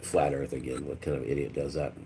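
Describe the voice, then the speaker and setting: A man's voice: a bass voice, flat delivery, brisk, vocal fry, background noise. A man hosting a live stream, rambling in a loose monologue and acting out quotes in mock voices. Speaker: livestream host.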